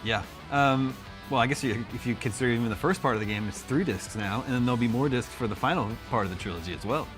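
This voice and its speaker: A man's voice: mid-range voice, a little fast, music in the background. Easygoing man on a gaming panel. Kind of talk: casual panel chat.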